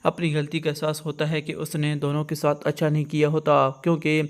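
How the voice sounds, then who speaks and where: A man retelling the plot of a TV drama episode in a steady, monotone narration. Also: a little high. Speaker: drama story explainer.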